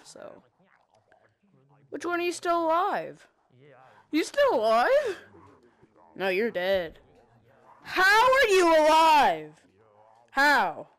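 A woman giving casual gameplay commentary, excitable and swearing, making silly sound effects. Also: high voice. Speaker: gamer playing on stream.

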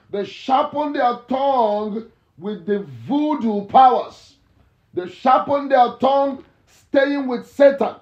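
A male pastor preaching a fervent morning sermon and prayer, repeating phrases and breaking into shouts. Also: extremely high pitch. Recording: echoey, dull lo-fi church recording.

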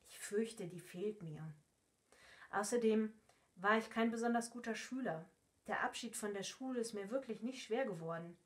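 A woman's voice: medium pitch, normal speed, natural voice. A woman reading an earnest young man. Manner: earnest, a little unsure. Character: earnest young male emigrant.

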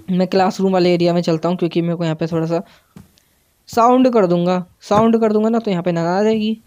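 A man giving live gameplay commentary for his channel, tense and excitable, dropping English words into his play-by-play. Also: sits high, dry recording. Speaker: gaming channel host.

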